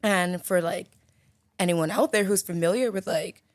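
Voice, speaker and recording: A woman's voice: on the low side, normal speed, no echo, studio quality. A woman from the Bahamas with a Bahamian accent, a podcast guest talking in a casual, reflective way and leaning on lots of "like.". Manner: reflective, filler-heavy speech full of "like". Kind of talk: casual conversation. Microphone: studio mic with headphones.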